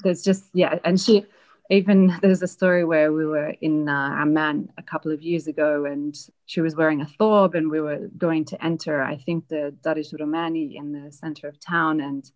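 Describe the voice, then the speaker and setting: A woman being interviewed, reflectively telling a personal family story with many pauses and fillers. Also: low-pitched, steady tone, a little mellow. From Australia. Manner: reflective, hesitant with frequent fillers.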